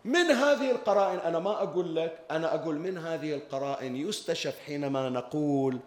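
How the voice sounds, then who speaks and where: A man preaching a Muharram mourning sermon in a mourning hall. He puts questions to the gathering and swells into loud lament. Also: on the high side, fast. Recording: echoey hall.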